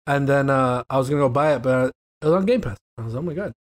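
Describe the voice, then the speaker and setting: A man's voice: medium pitch, quick pace. A man co-hosting a casual video game podcast, reading news items and joking around with his co-host. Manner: joking, animated, reads news bullet points. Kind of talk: casual gaming podcast chat.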